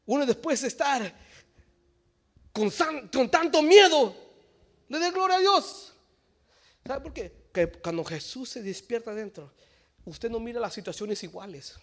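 A male pastor preaching a sermon, swinging between low quiet passages and shouted climaxes, acting out quoted dialogue, with frequent restarts on words. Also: lively intonation, unhurried, long pauses. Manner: stumbles and restarts on words, switches briefly to English.

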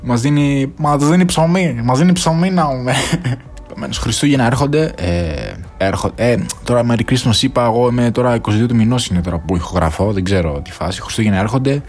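A young man hosting his own podcast, talking casually and swearing freely, with English phrases mixed in. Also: mid-range voice. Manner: slangy and animated, mixing in English phrases and swearing. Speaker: podcast host. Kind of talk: casual solo chat.

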